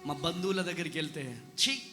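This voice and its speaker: A man with a high voice preaches slowly and with passion, sinking to near-whispers and then shouting out. His sermon rings through a large hall with a long reverb. Music plays clearly underneath. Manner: impassioned, swings from hushed to shouting. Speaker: pastor.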